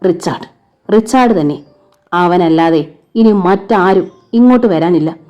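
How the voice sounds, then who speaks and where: A woman's voice: lowish voice, unhurried, mellow, muffled recording, soft background music, lightly acted. A woman doing a snarling villainous killer. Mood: menacing. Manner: snarling threats. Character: menacing crippled male villain, ruthless killer.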